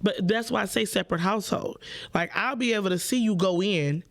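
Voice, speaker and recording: A woman's voice: medium pitch, fairly quick, gravelly. A young woman hosting a casual call-in podcast, talking bluntly and playfully with plenty of profanity, straight to her listeners. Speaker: podcast host.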